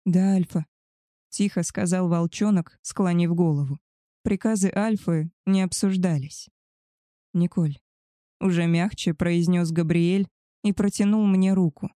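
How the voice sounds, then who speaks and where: A woman reads a first-person story aloud in a calm, even way. Her voice sits lowish and warm, recorded close and dry with no room sound. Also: moderate pace, no echo. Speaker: audiobook narrator.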